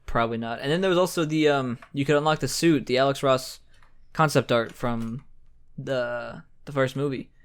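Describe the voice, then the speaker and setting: A man co-hosting a casual chat, talking in a relaxed way with many fillers. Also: medium pitch, moderate pace, smooth. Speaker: co-host.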